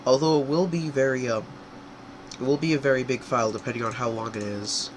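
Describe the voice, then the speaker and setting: Stuffed up with a cold, a young man with a congested voice rambles through a software tutorial full of fillers, frequently pausing to correct himself. His pitch is medium, his intonation fairly even, and he talks a little fast. A home computer mic picks up a clear air-conditioning hum behind him.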